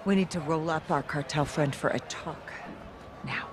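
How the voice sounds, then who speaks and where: An actor playing a determined special forces soldier in a military game, speaking in a clipped, decisive way. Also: male voice, fairly high pitch, moderate pace, close to an everyday voice. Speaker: special operations team member. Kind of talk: military action game dialogue. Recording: loud noise behind the voice.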